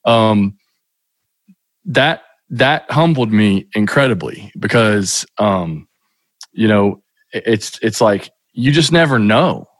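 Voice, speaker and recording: A man's voice: fairly low pitch, animated, takes it slowly, dry recording. A middle-aged man from Kentucky, a podcast guest telling stories in a casual, rambling way with many restarts. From Kentucky, USA. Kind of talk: casual interview storytelling.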